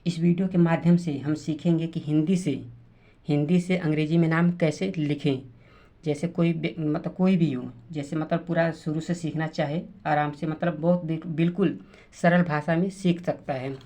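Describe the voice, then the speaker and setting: A woman teacher, explaining spelling slowly, repeating words and sounding out letters. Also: low voice, steady tone, mellow. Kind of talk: slow classroom explanation.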